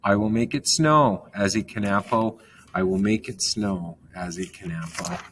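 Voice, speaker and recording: A man's voice: on the low side, unhurried, recorded from a distance, background noise, natural voice. A man doing an impatient storybook rabbit chanting. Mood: demanding chant. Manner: chanting, sing-song repetition. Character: impatient young male rabbit, demanding.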